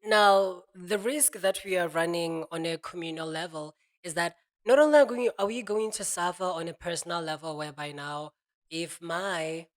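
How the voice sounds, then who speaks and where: In this reflective monologue, the self-help speaker from Botswana keeps saying "you know" and acts out imagined voices in quotes. He talks at normal speed in a high-pitched voice.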